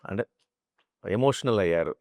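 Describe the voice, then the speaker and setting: A man, a mimicry artist, telling animated stories about his life and slipping into imitated voices. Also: lowish voice, normal speed, dry recording. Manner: animated storyteller who slips into chanting and imitated voices. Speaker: mimicry artist, interview guest. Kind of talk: casual interview storytelling.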